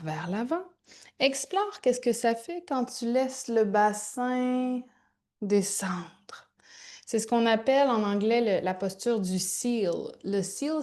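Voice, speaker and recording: Woman, yoga teacher, slightly high pitch, very slow pace, gentle informal instructions, frequent pauses. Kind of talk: guided gentle yoga class, instructing while demonstrating.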